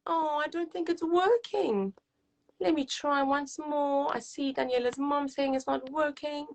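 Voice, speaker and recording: Hosting a live story time for young children, a woman with a high voice reads and chats at a slightly slow pace, her tone steady. Her manner is encouraging, gushing and sing-song.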